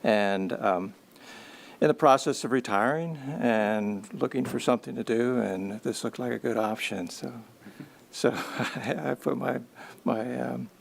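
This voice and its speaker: A man in his sixties, a committee member, giving a modest, halting self-introduction at a meeting. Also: mid-range voice, creaky. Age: 60s.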